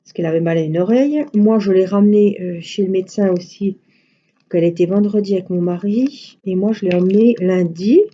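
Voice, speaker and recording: A woman's voice: medium pitch, brisk, warm tone, dull audio, slight background noise. A middle-aged woman chatting casually on a live stream, rambling through everyday anecdotes. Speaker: craft live-stream host.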